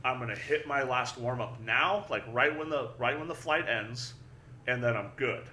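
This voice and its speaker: A young adult man, a powerlifter and guest, telling a story in casual chat, animated and swearing freely, often repeating words. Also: medium pitch, normal speed, slight background noise.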